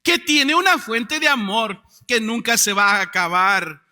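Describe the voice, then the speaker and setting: A man preaching a sermon as pastor, calling out to his congregation to repeat words, swinging from loud proclamations to quiet low lines. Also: expressive, measured pace. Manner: preaching with call-and-response to the congregation. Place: church sanctuary. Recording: church hall reverb.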